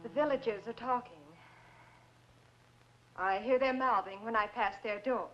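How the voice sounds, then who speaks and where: A proud, defiant widow accused of witchcraft, played by a woman, with a high voice and theatrical, old-fashioned declamation. The sound is dull and lo-fi, like an old 1960s film soundtrack. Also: measured pace, faint music behind, close to an everyday voice. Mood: accusing. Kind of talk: early 1960s film acting.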